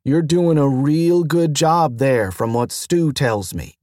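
A man voicing a warm, friendly mentor. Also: mid-range voice, big pitch swings, normal speed, no echo, clean studio sound, natural voice. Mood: soothing. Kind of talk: audiobook character voice.

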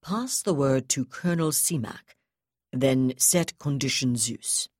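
A woman reading an audiobook, voicing a cold, ruthless male military commander who speaks calmly and with contempt. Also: rumbling low, no room sound, studio quality, exaggerated voice. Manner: calm, contemptuous, measured.

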